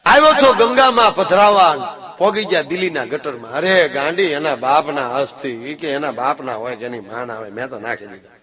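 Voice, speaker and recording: Bright-voiced folk storyteller man. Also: on the high side, normal speed. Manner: lively, talks straight to the audience. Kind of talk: live humorous folk storytelling.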